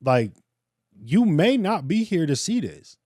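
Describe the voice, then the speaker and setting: A man's voice: on the high side, slow, no echo. Male podcast co-host, thirties, earnest and preacherly, dry close mic. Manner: earnest, preacherly, animated storytelling. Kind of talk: casual podcast discussion.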